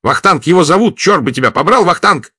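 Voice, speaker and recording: A man voicing a brash, war-weary soldier who drawls lazily and shouts when excited. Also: deep voice, normal speed, creaky, no echo, studio quality, heavily acted. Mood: jubilant. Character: brash war-weary Soviet soldier, lazy then jubilant.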